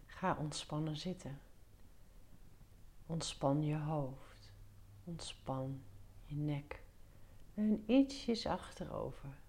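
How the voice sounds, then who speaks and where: A woman guiding a meditation in a soft, breathy near-whisper, soothing, giving short instructions with pauses. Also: low-pitched. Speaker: meditation guide. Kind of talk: guided meditation.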